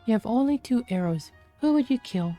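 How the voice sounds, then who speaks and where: A woman with a fairly high, lively voice and a mellow, everyday quality reads game dialogue aloud over soft background music. She plays a sly, smooth-talking male doctor questioning a cop, with a probing mood and a measured, inquiring delivery.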